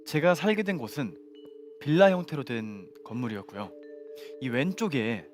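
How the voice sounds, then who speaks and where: A young man telling a ghost story to friends in polite, measured formal narration, as co-host of a show. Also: mid-range voice, lively intonation. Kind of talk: spoken storytelling among friends. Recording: music behind the voice.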